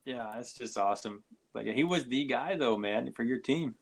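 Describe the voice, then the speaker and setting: A man's voice: mid-range voice, expressive, normal speed, creaky. A male podcast co-host with an ordinary mid-range voice. He reacts with eager enthusiasm and keeps asking the guest questions. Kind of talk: casual podcast chat.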